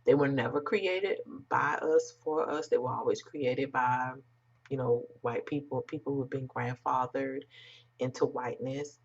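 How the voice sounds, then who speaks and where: An American commentator with an androgynous, mid-range voice speaks at a measured pace, making blunt, emphatic, unscripted remarks to online viewers. The recording sounds dull and muffled, like lo-fi audio.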